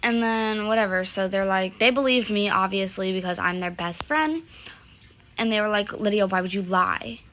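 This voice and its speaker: Bright-voiced young woman rambling through a story. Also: medium pitch, moderate pace. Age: young adult. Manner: rambling, valley-girl fillers, quotes others loosely. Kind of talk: casual storytime narration.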